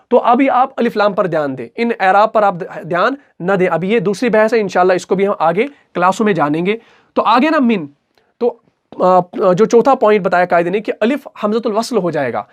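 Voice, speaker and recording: A man teaching a recitation class, patient and repetitive, who asks questions and answers them himself. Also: high-pitched. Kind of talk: explanatory recitation lesson.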